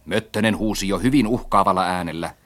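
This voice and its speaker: A man's voice: deep voice, a bit bright. A man narrating a story as an audiobook, reading expressively and acting out his own quoted lines.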